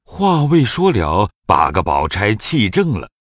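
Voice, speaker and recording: Male narrator, low and expressive, for an audio drama. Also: a little slow, no echo, studio quality.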